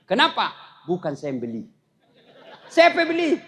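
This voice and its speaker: High-voiced joking preacher man. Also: huge pitch swings, moderate pace, fairly bright tone, slight background noise. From South Sulawesi, Indonesia. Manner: storytelling with jokes, raises voice for punchlines. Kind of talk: humorous sermon to a crowd.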